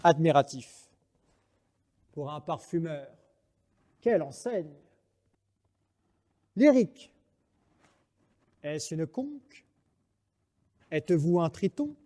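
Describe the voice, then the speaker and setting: A man's voice: on the high side, animated, slow pace, pauses often, mellow. An actor playing a proud, mocking swordsman poet in a French verse monologue, declaiming like a hammy stage actor. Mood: playful grandiose. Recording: reverberant hall sound.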